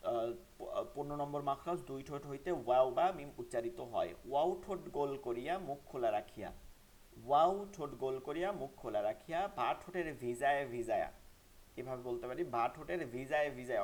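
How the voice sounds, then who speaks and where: A man teaching an online Quran pronunciation class, explaining sounds and repeating them slowly for learners to copy. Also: mid-range voice, a little mellow.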